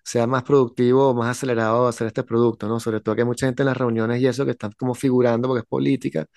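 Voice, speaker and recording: A man's voice: medium pitch, flat delivery, quick pace, darkish tone, no room sound, studio quality. A young man venting in casual chat, rambling and full of slang.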